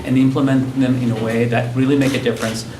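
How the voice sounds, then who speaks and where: A man speaks on a panel and opens with thanks in a measured, appreciative tone. The sound is reverberant, with clear noise in the room. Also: mid-range voice, level tone. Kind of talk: panel discussion remarks. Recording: echoey hall with audible noise.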